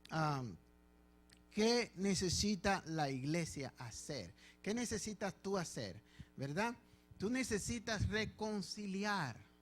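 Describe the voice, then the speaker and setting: A man's voice: a little high, fairly bright tone. A man with a Dominican Spanish accent, a pastor preaching a sermon in church with emphatic, repeated phrases. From Dominican Republic.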